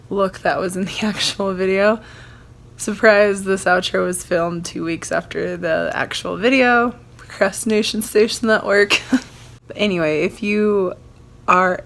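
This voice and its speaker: Croaky, froggy young woman with sore throat. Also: mid-range voice. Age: young adult. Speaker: video host. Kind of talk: casual chat to viewers.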